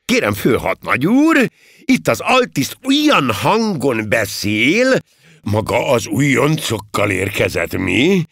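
A man voicing a naive, carefree young army recruit who talks in a chirpy, excitable way. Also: medium pitch, gravelly, dry recording, studio quality, pitched above the performer's own voice, heavily acted. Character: cheerful naive long-faced male army recruit.

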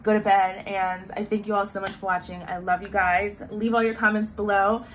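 A young woman in her twenties chats casually to camera for a beauty vlog from her bedroom, holding the phone close. She sounds tired and drowsy, sighing and drawing out words, with a medium pitch and little pitch movement. The audio is poor, with slight background noise.

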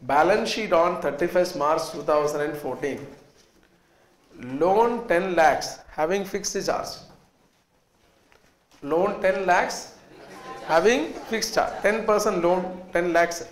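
A male accountancy lecturer in his thirties with a South Indian accent teaches emphatically, repeating points and questioning students. His voice is high and slow with long pauses, recorded in an echoey classroom where students are faintly audible.

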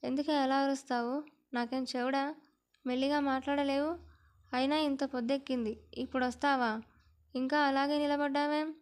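A woman storyteller voicing a harsh, bossy woman who loudly scolds her maid. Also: high-pitched, fairly even intonation, moderate pace, lightly acted. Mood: scolding.

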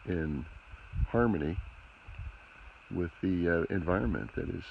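A man speaks in a very low, heavily creaky voice, narrating wildlife in a casual vlog style. He takes his time and often pauses mid-thought as he talks from behind a handheld camera outdoors. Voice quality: gravelly, creaky. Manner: unhurried, pausing mid-sentence. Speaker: outdoor vlogger, channel host. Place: outdoors on a snowy mountain roadside. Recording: muffled outdoor phone audio, clear background noise.

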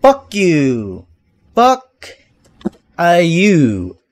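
Young male streamer, raging gamer type: exasperated, profane, slow drawn-out outbursts, very animated pitch. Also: heavy background noise. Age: young adult. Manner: exasperated, angry, profane raging, often shouting. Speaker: game streamer. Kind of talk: raging gamer commentary on live gameplay. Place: indoor room at a streaming desk.

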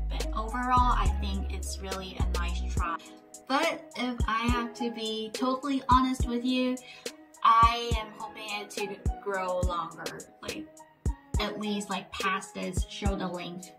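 A young woman from Korea, chatting casually through a vlog with lots of fillers. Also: medium pitch. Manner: chatty, loose with fillers like "like" and "you know". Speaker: vlogger. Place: bright home studio, indoors, then voice-over. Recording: talk over loud background music.

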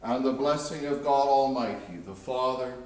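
Solemn priest far off in an echoey church. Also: male voice, mid-range voice, darkish tone. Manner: solemn, measured recitation of set prayers. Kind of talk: leading a church liturgy.

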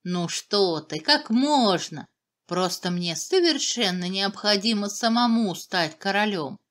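A woman's voice: medium pitch, expressive, slow, fairly bright tone. A woman voicing a cunning adult male court advisor who wheedles, giggles and whines for sympathy. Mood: wheedling. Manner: wheedling, giggling, hoarse when angry. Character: sly scheming male royal advisor, adult.

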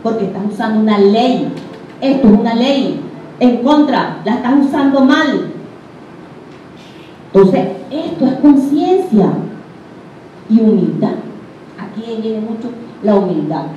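A woman's voice: on the high side, lively intonation, unhurried, long pauses, dark tone, heavy reverb. Venezuelan lady teaching a group, chatty, keeps asking the room stuff, dull far-off mic, faint hiss. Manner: conversational, questions the audience directly.

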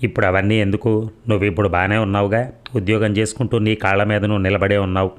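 A tearful middle-aged mother pleads and complains in a plaintive tone, voiced by a male storyteller. The pitch stays low and near the reader's plain voice. This is storybook narration, not a stage performance. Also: little pitch movement, fast talker, lightly acted.

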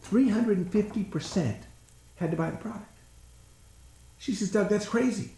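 A man giving an energetic, blunt, folksy presentation on innovation, sometimes swearing for emphasis. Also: high-pitched, moderate pace, gravelly, echoey room, slight background noise. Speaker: innovation trainer.

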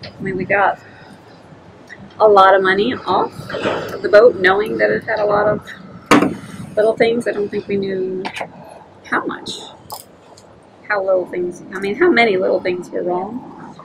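A woman's voice: mid-range voice, measured pace, long pauses. A woman in her forties, a sailing vlog host, chatting upbeat to the camera aboard her boat. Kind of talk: casual vlog narration. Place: aboard a sailboat, outdoors in the cockpit. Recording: clear background noise.

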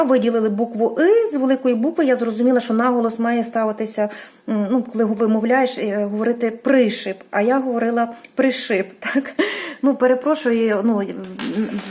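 A woman's voice: a little high, brisk, a little mellow. A woman from Ukraine giving a casual tarot reading, hesitant, with many fillers and restarts, apologizing for how she says place names. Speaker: tarot reader.

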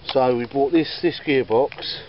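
A mid-range male voice, a little slow, chats casually while filming his auction finds outside in a garden and workshop. He rambles, often saying um and starting over. The camera audio is slightly dull, with faint outdoor ambience, background noise and church bells.

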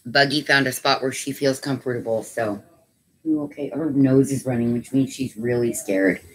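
A woman's voice: very deep voice, moderate pace, husky. A woman hosting a craft channel from home, chatting casually with viewers and cooing to her dogs. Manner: chatty and doting, coos baby talk to her dogs. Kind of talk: casual livestream chat.

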